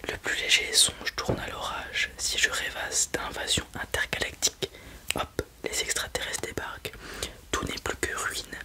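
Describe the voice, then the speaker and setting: Whispered role-play in a hushed library whisper, sex unclear. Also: a little slow. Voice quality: breathy unvoiced whisper. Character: helpful librarian recommending children's books to a parent.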